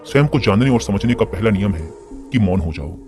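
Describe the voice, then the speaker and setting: Man voicing a calm, deep-voiced wise teacher. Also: fairly quick, lightly acted. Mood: serene. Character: calm wise male spiritual teacher, older. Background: music.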